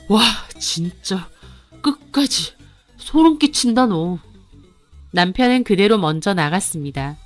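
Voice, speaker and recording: A woman narrating a dramatic radio story in the first person, telling it in an expressive, confiding way. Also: mid-range voice.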